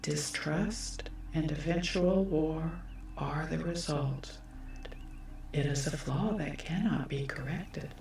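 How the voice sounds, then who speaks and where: A superior, all-knowing female android acted by a woman in an ASMR role-play. The voice is low and very slow, with robotic, measured phrasing. It sounds distant in a long echo. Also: gravelly, a little mellow, a little hiss or hum, heavily acted. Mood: cold, measured. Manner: robotic android delivery, measured, formal, detached. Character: omnipotent female android AI from the future, cold, superior.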